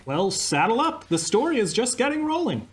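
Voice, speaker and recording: In a live radio comedy sketch, an actor plays an eager male co-host who tells his story in puns. His voice is extremely high, with big pitch swings, at a normal speed and in a cheerful mood.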